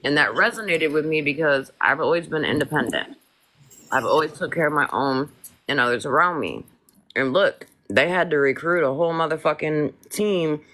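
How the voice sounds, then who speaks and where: A woman's voice: sits low, a bit bright. A woman from Flint, Michigan, hosting a casual live stream, talking bluntly and swearing often.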